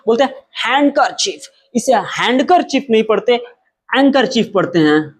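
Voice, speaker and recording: Emphatic male teacher drilling words slowly. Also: high voice, breathy edge. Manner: repeats example words slowly and drawn out, asks and answers his own questions; emphatic, animated explaining. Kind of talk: spoken pronunciation lesson.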